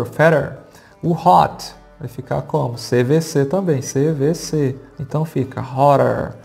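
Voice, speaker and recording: A teacher with a Brazilian accent explains grammar at a whiteboard. They talk patiently, check in often with the class and spell out the key words slowly. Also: medium pitch, vocal fry, mellow. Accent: Brazilian Portuguese. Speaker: English teacher.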